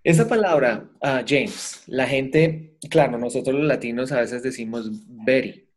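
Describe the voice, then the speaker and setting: A man's voice: mid-range voice, a little slow. A man co-hosting a citizenship lesson, explaining advice and reading out questions. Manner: explanatory, gives practical advice. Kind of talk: bilingual lesson.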